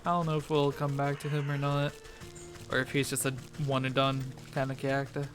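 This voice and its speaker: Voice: mid-range voice, monotone, fairly quick. A gamer giving casual, rambling let's-play commentary, laughing often and reading game text aloud, with game music behind. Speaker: gamer, channel host.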